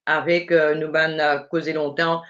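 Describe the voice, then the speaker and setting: A man co-hosting a radio show in casual chat, halting with frequent fillers. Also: a little high, level tone, pushed and bright. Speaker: radio co-host. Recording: dull, slightly muffled sound.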